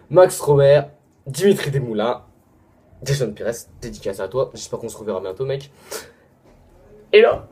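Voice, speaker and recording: A young man with a French accent reads name after name in a relaxed vlog shout-out. He tosses in fast asides and apologies between the names. His pitch sits in the middle range for a man. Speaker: vlogger. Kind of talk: casual shout-out video.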